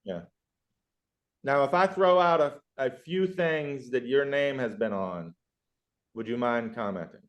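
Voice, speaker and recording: A man's voice: mid-range voice, a little slow, pauses often. A male podcast host with a mid-range voice in casual chat. He asks long, rambling questions with plenty of enthusiasm and stops to restart his thoughts.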